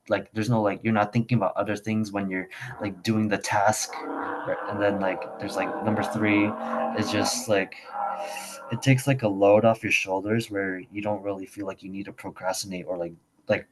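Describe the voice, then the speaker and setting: A young adult student guest whose first language is Khmer talks casually and ramblingly, full of fillers and restarts. His voice is lowish and flat at a normal speed. The audio is poor, with a little hiss or hum.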